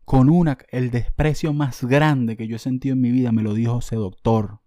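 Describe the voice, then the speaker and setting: A man with a Venezuelan accent hosting a podcast, telling a comic story in an animated, slangy, self-mocking way. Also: mid-range voice, normal speed, dry recording, clean studio sound. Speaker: podcast host.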